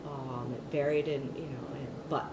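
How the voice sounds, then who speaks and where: In an oral history interview, a middle-aged woman with a rumbling low voice speaks at normal speed with fairly even intonation. Her talk is loose, full of fillers and restarts. The room echoes, the mic is distant, and there's noise.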